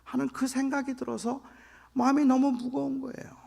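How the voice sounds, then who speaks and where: A middle-aged male pastor preaching a revival sermon, telling a personal story in a storytelling manner that rises to shouted emotion when he quotes himself. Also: very high voice, level tone, fairly quick, vocal fry, breathy edge. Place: large church sanctuary. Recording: long hall reverb.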